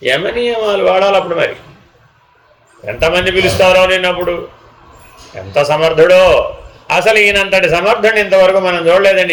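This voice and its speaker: Man, spiritual teacher, discourse, questioning tone, acts out dialogues, high pitch. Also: bright, forceful tone, low-quality recording.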